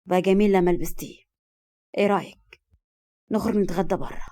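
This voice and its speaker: A woman's voice: fairly low pitch, fast, dark tone, lightly acted. A woman with an Egyptian accent voicing a commanding, hot-tempered young man in her own voice. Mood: tender. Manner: commanding, firm.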